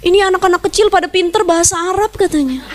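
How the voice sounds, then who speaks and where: High-voiced chatty woman preacher. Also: fast talker, noisy background. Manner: chatty, joking, laughs often; acts out quoted voices. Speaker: Islamic preacher. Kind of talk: sermon to a women's gathering.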